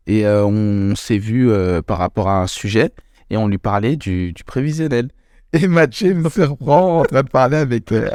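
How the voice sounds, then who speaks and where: Joking French startup founder, dry mic. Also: male voice, lowish voice, no room sound. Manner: relaxed, joking, repeats words when explaining. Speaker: podcast co-host, startup founder. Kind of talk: casual chat.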